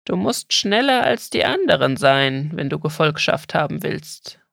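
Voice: mid-range voice, sing-song, fairly bright tone, no room sound, studio quality, exaggerated voice. Narrator doing a guttural, riddling giant turtle. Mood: wise. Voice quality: guttural, rasping. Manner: slow, unhurried, grumbling.

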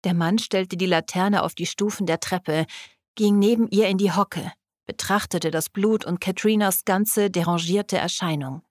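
A woman with a rather low voice reads a novel aloud as a calm, even narrator. The sound is dry and close to the mic, with no room around it. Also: measured pace, dry recording. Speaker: audiobook narrator. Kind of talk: scripted narration.

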